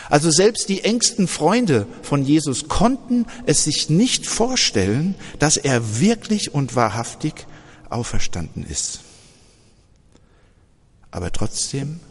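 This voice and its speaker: A man's voice: a little high, slow pace, slightly rough. Guy preaching, tells a story, acts out the lines, long church echo. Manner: storytelling with lively voiced dialogue. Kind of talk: sermon storytelling.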